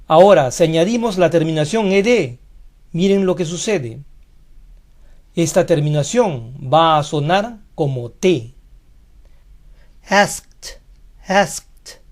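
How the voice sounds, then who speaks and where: Very slow, deliberate language teacher voice. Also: medium pitch, darkish tone. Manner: slow, deliberate, repeats each model word twice. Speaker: English teacher. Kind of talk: scripted pronunciation lesson.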